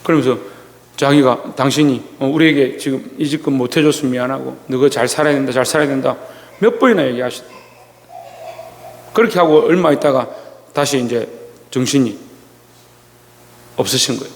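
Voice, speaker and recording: A male pastor giving a Sunday sermon, telling a personal story slowly with many pauses and restarts. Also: medium pitch, long reverb tail. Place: church sanctuary.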